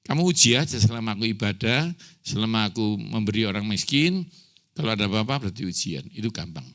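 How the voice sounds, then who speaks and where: A man's voice: lowish voice, lively intonation, fast talker, a bit bright. A man preaching a sermon as pastor, telling a personal story with acted dialogue, close to tears.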